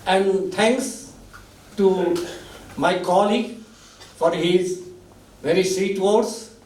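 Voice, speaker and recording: In an echoey event hall, a high-voiced, slightly mellow man from Nepal, a native Nepal Bhasha speaker, delivers an emotional formal speech of thanks as the author at a book launch. His speech is very slow and halting, in short phrases, and he is clearly deeply moved; the mic is far away.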